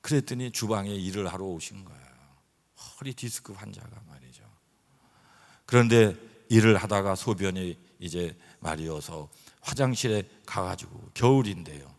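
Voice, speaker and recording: A middle-aged man preaching a revival sermon as a pastor, telling animated stories and acting out voices and sounds. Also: on the low side. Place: church sanctuary. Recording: long hall reverb.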